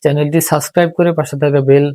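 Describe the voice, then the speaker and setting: A man's voice: fairly high pitch, flat delivery, racing, mellow, no echo. A man teaching English reading, patiently sounding out words syllable by syllable. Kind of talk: spoken lesson.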